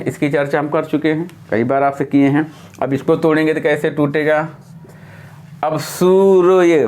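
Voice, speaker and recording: A male teacher explaining a grammar lesson patiently, step by step, while writing on a board. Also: fairly high pitch.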